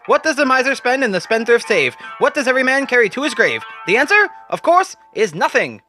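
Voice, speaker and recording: A man's voice: very high-pitched, sing-song, brisk, bright, forceful tone, faint music behind, pitched above the performer's own voice, full character voice. A man voicing a theatrical, intense riddle-obsessed supervillain with an articulate, rhetorical manner in a comic reading. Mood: grandly posing riddles.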